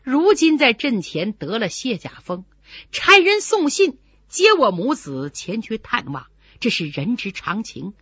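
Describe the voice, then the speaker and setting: A woman voicing a dignified noblewoman, a general's wife, who speaks in a measured, reproachful, formal way. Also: fairly high pitch, huge pitch swings, a bit bright, slightly rough, no echo, heavily acted. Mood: stern. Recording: dull lo-fi recording.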